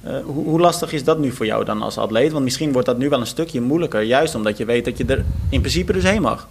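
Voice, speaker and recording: A man's voice: mid-range voice, animated, quick pace, vocal fry, husky. A man hosting a podcast interview, talking in a chatty, enthusiastic way that often trips over his own words. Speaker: podcast host.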